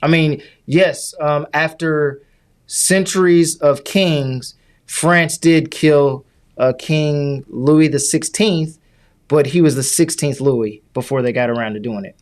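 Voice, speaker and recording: A man co-hosting a casual political talk podcast, who explains points at length with many restarts and slows down to stress them. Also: a little high. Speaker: podcast co-host.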